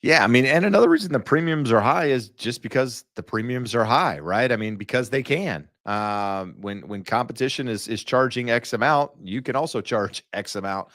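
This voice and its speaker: A man's voice: mid-range voice, animated, normal speed, few pauses, fairly bright tone, no room sound, studio quality. A man hosting a real estate talk show, chatting loosely with many fillers and restarts. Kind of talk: casual market talk.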